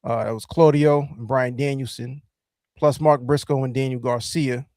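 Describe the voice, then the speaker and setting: Brief: male podcast host, mid-pitched, loose rambling delivery full of fillers, dry close mic. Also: fairly even intonation, moderate pace, a little mellow, no room sound. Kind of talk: casual chat.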